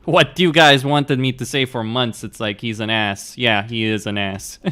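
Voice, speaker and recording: A young Romanian gaming streamer chats bluntly with viewers while playing, answering them live, laughing often and swearing freely. His mid-range voice is steady, unhurried, a bit bright and smooth.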